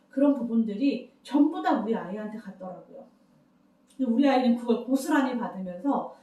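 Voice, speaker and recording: A woman in her forties, a counselor, speaks to parents in an earnest, questioning way and laughs often. Her voice is mellow and a little high. It sounds roomy and echoey, recorded from some distance from the mic. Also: muffled recording. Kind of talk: community radio talk.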